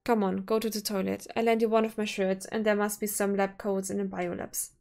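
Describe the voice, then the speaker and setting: A woman voicing a manipulative male professor while reading a visual novel aloud, coaxing and calmly threatening. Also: mid-range voice, brisk, close to an everyday voice. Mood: soothing. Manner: smooth, coaxing, coldly threatening.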